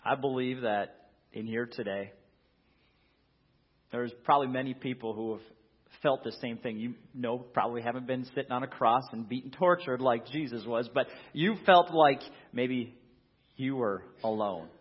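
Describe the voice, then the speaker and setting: A man preaching a sermon as a pastor, earnest, swinging from loud emphasis to hushed, quiet passages. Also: mid-range voice, normal speed, slightly rough, muffled recording.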